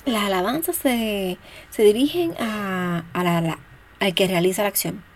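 A woman's voice: medium pitch, a little slow. A woman speaking casually as a parenting educator, talking things through with fillers and acting out quoted voices. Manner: conversational, thinks aloud with fillers. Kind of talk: casual spoken talk on parenting.

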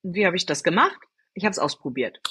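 A woman guest in a podcast interview, telling personal stories in a lively way, answering her own rhetorical questions and speaking straight to the listener. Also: lowish voice, fairly quick, husky. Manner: addresses the listener directly. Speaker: storytelling guest.

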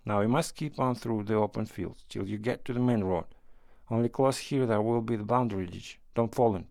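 A man's voice: on the low side, a little fast, vocal fry, a little mellow, no echo, studio quality. A man reading the part of a plain-spoken, wary graveyard watchman. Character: frightened male graveyard watchman.

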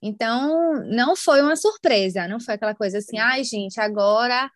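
A woman's voice: fairly high pitch, normal speed, dry recording, studio quality. A woman, a guest chatting in a podcast interview and using many fillers. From Brazil. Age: 20s. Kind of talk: casual interview chat.

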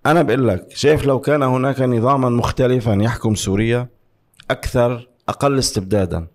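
A man's voice: mid-range voice, quick pace. A man with a Lebanese Levantine Arabic accent in a heated political debate, arguing insistently, repeating words for emphasis and firing off rhetorical questions. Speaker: interview guest giving political commentary.

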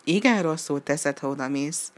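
A woman voicing a calm, knowing young boy in a storybook who earnestly warns the animals. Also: low-pitched, lightly acted. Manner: earnest, warning.

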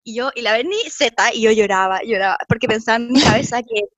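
A young Chilean woman tells stories to her friends in a high, bright voice, laughing and acting out what others said. Her voice is recorded close and dry, with no room sound. The chat is casual and quick to joke. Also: no echo, muffled recording. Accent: Chilean Spanish. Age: young adult. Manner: animated storyteller, laughs often, acts out quotes.

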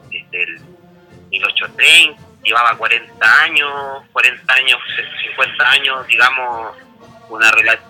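A man's voice: medium pitch, bright, forceful tone, poor audio. A man with a Chilean accent casually discussing history, rambling with many restarts and fillers. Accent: Chilean Spanish.

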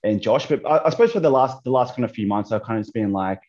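A man's voice: medium pitch, expressive, quick pace, darkish tone, lo-fi sound. An Australian man in his thirties, a podcast guest chatting casually over a call, full of ums and restarts. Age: 30s. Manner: hesitant, many fillers and restarts. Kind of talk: casual chat.

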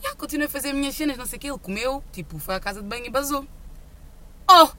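Young portuguese woman cohosting, talks fast, acts out the quotes, crisp bright voice. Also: high voice, a little hiss or hum. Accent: European Portuguese. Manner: animated storytelling, acting out quotes. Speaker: podcast co-host. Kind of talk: casual chat.

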